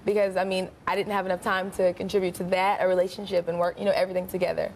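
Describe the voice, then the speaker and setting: A woman's voice: on the low side, flat delivery, racing, loud music behind the voice. A woman in her twenties, a talk show guest, speaking earnestly and confidingly about her life. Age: 20s.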